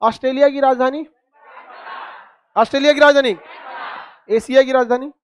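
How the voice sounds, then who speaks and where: A man's voice: very high-pitched, steady tone, moderate pace, clean tone, no echo, some chatter behind. A man teaching a class, quizzing students with repeated questions and cracking jokes. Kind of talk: classroom lecture with call-and-response.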